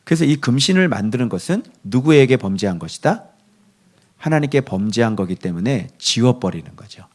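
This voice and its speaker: A man's voice: mid-range voice, lively intonation, brisk, a little mellow. A man preaching a morning devotional sermon as pastor, often asking his listeners for agreement and answering for them, and dropping to a whisper on quoted verses. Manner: asks the listeners for constant agreement, answers himself.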